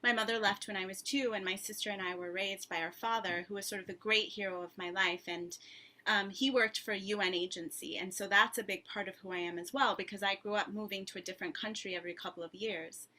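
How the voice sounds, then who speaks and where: A woman's voice: medium pitch, fairly even intonation, quick pace, pushed and bright. A woman author in her thirties answering at length in a thoughtful, conversational way, with frequent ums and restarts. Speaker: author and guest.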